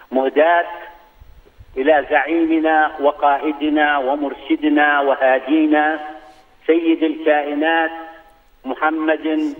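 A man calls in over the phone to recite his poetry, speaking in a formal, declamatory manner. His voice sits somewhat high for a man. The line is thin and tinny, like a telephone call. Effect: heard over a phone line. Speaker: phone-in guest poet.

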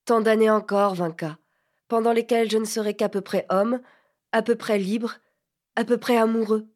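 A woman's voice: on the high side, fairly even intonation, moderate pace, close to an everyday voice. A woman reading an audiobook, voicing a brooding, impatient teenage boy in passionate, declamatory outbursts. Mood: impassioned, exasperated.

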